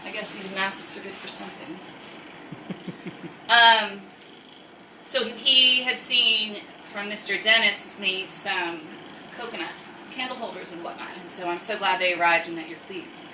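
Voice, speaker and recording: She speaks a little slowly in a mid-range voice, an American woman whose first language is English, hosting a chatty livestream story time full of rambling, jokey asides and reading aloud. Faint noise, a distant mic and roomy echo color the recording.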